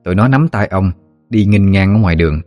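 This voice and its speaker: A man narrates a ghost story in a calm, even way. His voice is dry and close. Quiet music runs underneath. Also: sits low, fairly quick, dry recording.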